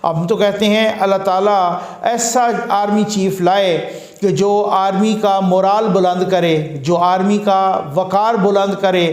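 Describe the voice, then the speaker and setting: A Pakistani man working as a news commentator delivers an earnest, rhetorical political monologue, stacking his points through repeated phrases. His voice is high with a level tone and measured pace, and the sound is roomy.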